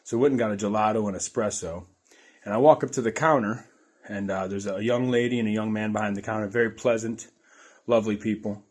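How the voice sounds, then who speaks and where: Earnest low-voiced man telling a story. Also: fairly even intonation, fast. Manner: rambling, earnest, repeats phrases. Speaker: vlogger. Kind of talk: casual storytelling to camera.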